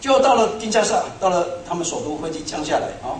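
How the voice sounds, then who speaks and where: A middle-aged man with a somewhat high voice delivers a sermon to his congregation. He tells stories in an animated, self-mocking way. His voice is caught from a distance in a roomy hall, with faint noise behind it. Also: fast talker. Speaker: pastor. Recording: echoey hall, speaker far from mic.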